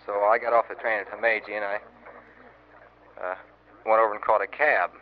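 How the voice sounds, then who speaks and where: Young serviceman, low voice, rambling and halting, old wire recording, muffled with light hiss. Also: level tone. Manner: rambling and halting, many fillers and restarts. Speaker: Marine sergeant recording an audio letter. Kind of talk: casual spoken letter, storytelling.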